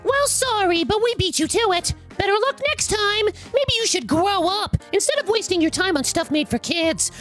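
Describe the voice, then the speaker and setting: A man voicing a shrill, indignant entitled mother who yells at a stranger. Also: expressive, moderate pace, hardly any pauses, soft background music. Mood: smug. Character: shrill entitled mother, middle-aged, screeching.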